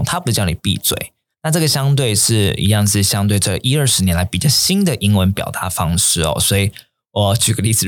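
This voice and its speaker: Man, low voice that swings widely, English teacher explaining phrases, dry close mic. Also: dry recording. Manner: animated, mixes English phrases into Mandarin. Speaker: English teacher and podcast host.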